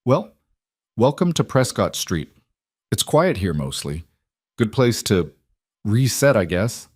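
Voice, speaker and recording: A man's voice: lowish voice, sing-song, slow, a little mellow, breathy edge, no echo, studio quality, exaggerated voice. A man voicing a tired woman doctor with a slight Southern accent, polite and apologetic. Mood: weary, apologetic.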